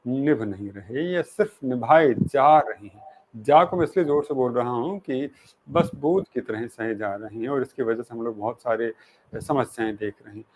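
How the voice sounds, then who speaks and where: Brief: male talk-show host, formal and measured, mid-pitched voice. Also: a little hiss or hum. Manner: measured, recites Urdu poetry, polite formal address. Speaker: interview host.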